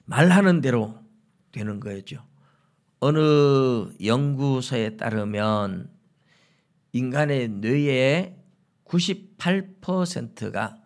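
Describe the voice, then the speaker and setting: A middle-aged man, a pastor, preaching a sermon and telling stories, acting out the lines he quotes. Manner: storytelling, acts out quoted lines with rising pitch.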